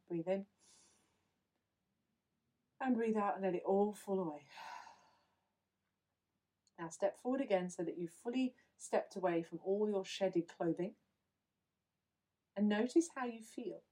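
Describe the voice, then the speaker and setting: A woman guides a listener through a visualization. Her voice is mellow and warm at a middle pitch. She talks slowly and gently, giving calm step-by-step instructions. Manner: slow, soothing, instructive. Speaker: meditation guide.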